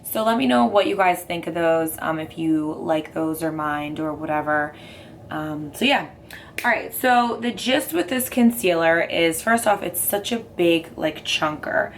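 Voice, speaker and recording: A young woman with a hoarse, raspy voice from a cold, chatting casually through a makeup review with lots of fillers. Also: low voice, measured pace, slight background noise. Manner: chatty, rambling with many fillers. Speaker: beauty vlogger.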